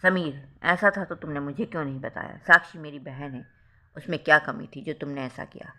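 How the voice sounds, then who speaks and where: A storyteller voicing a worried young husband who keeps pressing his wife for answers, in a bright voice. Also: mid-range voice, brisk. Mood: upset. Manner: insistent, pressing questions.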